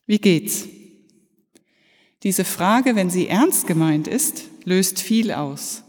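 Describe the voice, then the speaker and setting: A middle-aged woman pastor giving an Easter sermon, telling stories slowly and reflectively with pauses. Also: on the low side, expressive, darkish tone. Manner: slow, reflective storytelling with pauses. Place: church. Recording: reverberant church hall.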